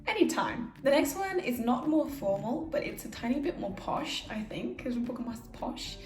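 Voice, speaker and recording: A woman's voice: high voice, expressive, a little slow, darkish tone, faint music behind. English woman teaching in an echoey room. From England. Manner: explains patiently, switching between English and Spanish. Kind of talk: bilingual language lesson.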